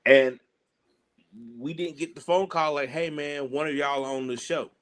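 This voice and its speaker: A man's voice: fairly high pitch, fairly even intonation, a little slow, fairly bright tone. A man telling stories casually and animatedly in colloquial speech, acting out the exchanges he quotes. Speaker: pro wrestler telling stories.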